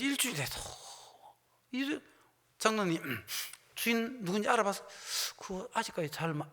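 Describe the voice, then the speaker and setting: This pastor's voice sits high as he tells a story within his sermon, performing the voices of everyone in it and shifting between loud outbursts and quiet asides. The long reverb of the church sanctuary fills the recording.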